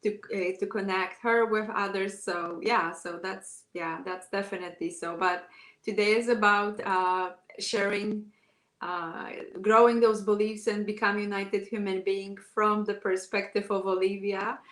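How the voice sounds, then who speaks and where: A woman's voice: medium pitch, fairly even intonation, a bit bright. A woman hosting a live-streamed interview show, speaking hesitantly with many fillers over a video call. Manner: halting, many fillers and restarts. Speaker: show host. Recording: echoey room.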